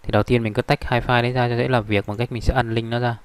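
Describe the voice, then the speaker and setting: Man, tutorial instructor, speedy and gravelly, rambling delivery. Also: medium pitch, level tone, racing, dry recording. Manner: rambling, many fillers and restarts. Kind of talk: screen-recorded tutorial.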